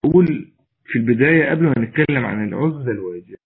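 A man's voice: mid-range voice, lively intonation, rapid-fire, vocal fry, husky. A man with an Egyptian accent giving a religious lesson and answering questions, exhorting earnestly and straining to make his weak voice carry. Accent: Egyptian Arabic. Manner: mixes formal Arabic with colloquial, earnest and exhorting. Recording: tinny phone-like audio.

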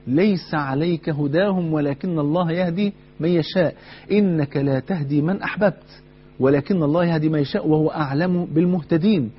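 Fast-talking Egyptian preacher, impassioned. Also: male voice, on the high side, husky. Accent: Egyptian Arabic. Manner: impassioned, acts out quoted voices. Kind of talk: sermon with storytelling. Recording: dull lo-fi recording with faint hum.

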